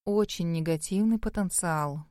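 A woman doing a calm, firm female librarian. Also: medium pitch, normal speed, dry recording, studio quality, close to an everyday voice. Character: calm female librarian teacher, dryly curious.

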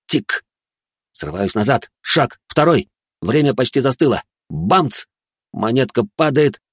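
Husky male storyteller, dry and close. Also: mid-range voice, dry recording. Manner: tense, dramatic storytelling. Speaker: narrator. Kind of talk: first-person story narration.

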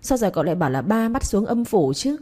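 A woman's voice: medium pitch, sing-song, fast talker, mellow, pitched above the performer's own voice. A woman voicing a naive young servant girl in a spoken story, pleading and innocent.

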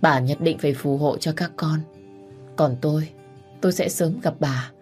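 A woman reading as a gentle grieving father. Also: deep voice, normal speed, soft background music, natural voice. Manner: gentle, resigned. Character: weary grieving old father. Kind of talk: storybook reading.

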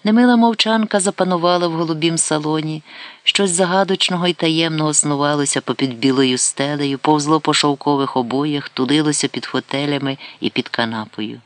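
A man reading a literary story aloud as an audiobook narrator, in a steady, measured storytelling manner. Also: fairly high pitch, clean tone, no echo. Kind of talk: scripted narration.

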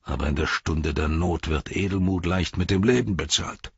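Man reading as a scornful aging ruler, very deep husky voice, accusing tone, audiobook, dull dry recording. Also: normal speed, dry recording, exaggerated voice. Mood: bitter. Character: bitter aging ruler, proud and scornful father.

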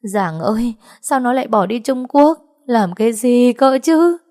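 A grieving middle-aged mother from the countryside sobs and wails in a voice pushed high and loud above its usual pitch, as a woman narrator puts her on. The grief chokes every phrase. It is storybook audiobook acting. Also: lively intonation, a little slow. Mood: wailing grief. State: crying, choked with tears.

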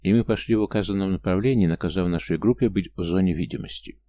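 A man's voice: sits low, fast talker, dark tone. A man narrating a first-person story in a dry, wry manner. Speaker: audiobook narrator.

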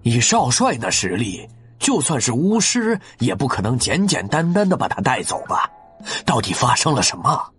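A man's voice: medium pitch, big pitch swings, moderate pace, fairly bright tone, faint music behind. A man voicing a wily, theatrical male subordinate officer in an audiobook, speaking eagerly. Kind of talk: audiobook character voice.

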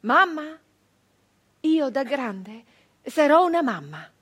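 Playing a dreamy peasant woman remembering her girlhood, the actress uses a high-pitched, very animated, slightly bright full character voice that sounds eager and childlike. Her dramatic first-person radio monologue is breathy, with halting repetitions, hushed whispers and rising fervent cries.

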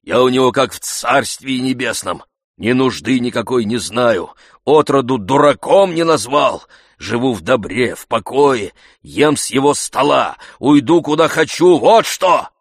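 A man voicing a grumpy old male servant who wheezes hoarsely and scolds hotly. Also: medium pitch, animated, no room sound, clean studio sound, pitched above the performer's own voice. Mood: boastful. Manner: heated, scolding, quick to shout.

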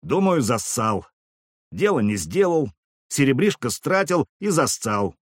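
A man's voice: medium pitch, big pitch swings, a little slow, no room sound, clean studio sound, pitched above the performer's own voice. A man voicing a drunk, crude male town guard sergeant who barks his coarse threats. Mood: gloating, threatening. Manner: barking, coarse, suspicious.

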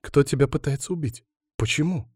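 A man voicing a quiet, anxious young woman who is stubborn under pressure. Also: a little high, a little fast, husky, no room sound, studio quality, voice pushed up. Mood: worried.

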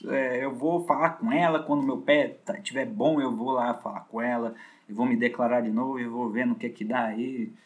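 A man's voice: medium pitch, fairly even intonation, moderate pace, natural voice. A man speaking as a lovesick, self-pitying young man in a retold story, close to his own voice. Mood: hopeful.

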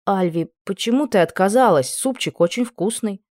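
A put-upon young prince, played by a woman reading aloud mutters softly with mild irritation. The voice is close and dry. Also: medium pitch, expressive, moderate pace, no echo, close to an everyday voice. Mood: muttering. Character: irritable male prince prisoner.

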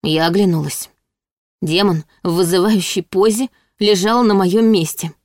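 Lowish woman reading an audiobook. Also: measured pace, no echo, clean studio sound. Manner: expressive reading, voicing indignant quotes. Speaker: audiobook narrator. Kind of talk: first-person audiobook narration.

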